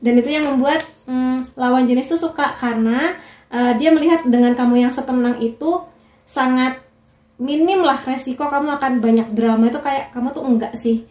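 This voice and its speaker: A woman with a high voice gives a relaxed tarot reading and talks straight to the listener in a chatty, reassuring way. Her voice rings a little in an echoey room. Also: normal speed. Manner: chatty and reassuring, addresses the viewer directly. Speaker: tarot reader. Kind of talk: casual tarot reading to viewers.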